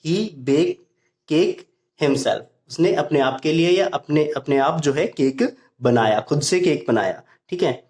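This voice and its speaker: A man teaching English grammar in Hindi. He explains step by step, repeats each point and reads English examples slowly. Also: a little high, a little mellow. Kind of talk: Hindi-language grammar lesson. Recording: echoey room.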